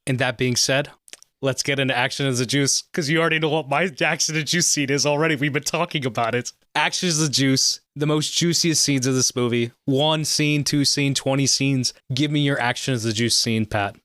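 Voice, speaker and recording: A man's voice: mid-range voice, fairly even intonation, fairly quick, fairly bright tone, no room sound, clean studio sound. A man hosting a film podcast, talking casually and enthusiastically with lots of filler words. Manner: enthusiastic, rambling with many "like" fillers. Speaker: podcast host.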